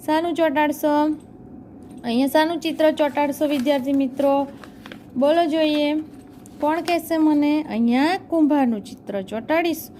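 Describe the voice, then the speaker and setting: A woman's voice: sits high, normal speed, dark tone, a little hiss or hum. A female primary school teacher, teaching first graders and telling a story in a sing-song way, asking questions and answering them herself.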